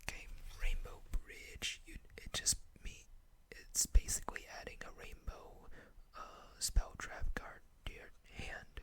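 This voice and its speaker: Close to the microphone, this ASMR host reads text in an unvoiced, breathy whisper, taking an unhurried approach and dropping in casual asides. The pace is a little slow and the tone a bit bright.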